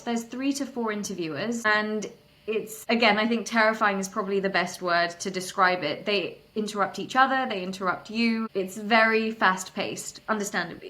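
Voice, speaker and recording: A woman's voice: medium pitch, fairly bright tone. A young adult woman, a startup founder, telling her story in a candid, self-deprecating way with frequent restarts. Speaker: startup founder, interview guest. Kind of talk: conversational storytelling interview.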